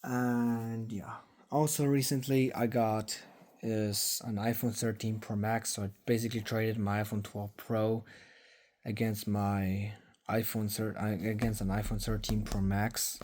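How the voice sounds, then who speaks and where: A young man of twenty talks into a phone for a casual vlog update. His voice is mellow and dark-toned, and he rambles, swears freely and keeps restarting his sentences. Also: on the low side, flat delivery, unhurried. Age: 20s. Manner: rambling and profane, with lots of fillers and restarts. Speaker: YouTuber.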